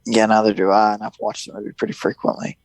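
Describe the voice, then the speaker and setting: A man casually chatting about a movie, animated and jokey, acting out lines in high voices. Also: fast, gravelly, crowd noise, rough recording. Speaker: podcast host.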